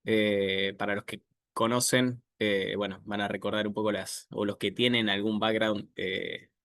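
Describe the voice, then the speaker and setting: A man in his thirties from Argentina with an Argentine accent, giving a relaxed online presentation over a video call with many filler pauses. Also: lowish voice, no echo, clean studio sound. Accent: Argentine Spanish. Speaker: guest speaker, software architect.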